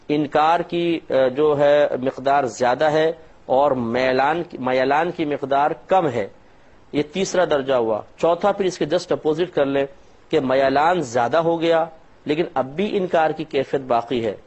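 A man's voice: medium pitch, a little mellow. A man, an Islamic scholar, giving a religious lecture and patiently explaining his points through step-by-step examples. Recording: slightly dull lo-fi recording.

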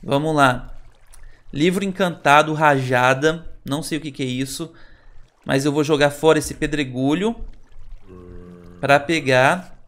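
Jittery Brazilian gaming host. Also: male voice, on the high side, unhurried, long pauses, fairly bright tone. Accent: Brazilian Portuguese. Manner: chatty, talks to viewers, nervous exclamations. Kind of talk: Minecraft let's play commentary.

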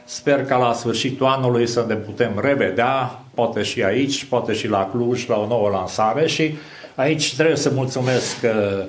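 A man in his sixties gives a thoughtful talk at a book launch, pausing often between phrases. His voice comes through a stand microphone in a small room with noticeable echo. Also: medium pitch, slight background noise. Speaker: literary critic. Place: small hall with a banner backdrop. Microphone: mic on a stand.

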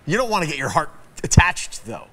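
A man's voice: fairly high pitch, sing-song, fairly quick, pushed and bright. A man co-hosting a TV chat show, upbeat, asking the questions and laughing often. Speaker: TV morning show co-host. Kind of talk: casual TV chat interview.

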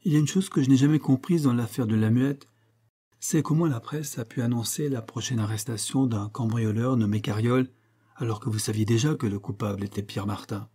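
A man voicing a lively young actor who is a master of disguise. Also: mid-range voice, a little fast, breathy edge, lightly acted. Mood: curious.

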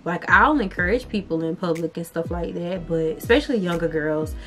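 Chatty young woman, soft music. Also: fairly low pitch, a little fast. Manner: chatty, heartfelt, says "y'all" and "okay". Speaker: beauty vlogger. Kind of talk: casual chat to camera.

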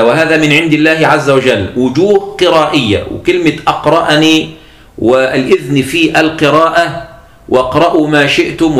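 Male teacher, Egyptian accent, higher-pitched, patient step-by-step lecturer; roomy, echoey recording. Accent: Egyptian Arabic. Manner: explains step by step, repeats key points, addresses listeners as beloved in God. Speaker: teacher of Quran sciences. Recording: echoey room.

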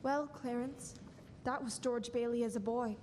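Young woman as high-voiced heavenly superintendent, echoing hall. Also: fairly even intonation, unhurried, darkish tone, natural voice. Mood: calm, instructive. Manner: instructive storytelling. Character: calm, authoritative superintendent of angels. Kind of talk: stage radio-play acting. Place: school auditorium stage, standing at mic. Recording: reverberant noisy hall.

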